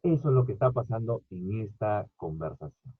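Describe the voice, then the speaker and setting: A man preaching a sermon, swinging between loud emphatic bursts and quiet asides. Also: fairly low pitch, animated, moderate pace, husky, no room sound. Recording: tinny lo-fi phone-like audio.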